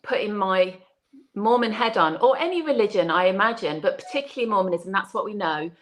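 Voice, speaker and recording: A woman guest in a casual discussion, telling things in an animated way with quick asides. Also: medium pitch, low-quality recording. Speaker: podcast guest.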